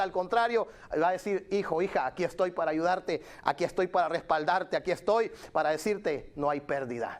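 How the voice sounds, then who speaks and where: A male pastor delivering a fervent sermon, repeating phrases and putting questions straight to the listener. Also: fairly high pitch. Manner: impassioned preaching, rising to shouts in quoted speech.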